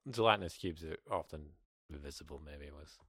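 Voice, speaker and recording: Male game player, very low register, casual table talk, close dry recording. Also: fairly quick, a bit bright, dry recording.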